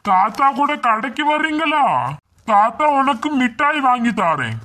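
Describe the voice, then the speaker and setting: A woman's voice: a little high, expressive, unhurried, fairly bright tone, pitched below the performer's own voice. A woman doing a kindly old cartoon grandpa. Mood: coaxing. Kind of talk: cartoon voice acting.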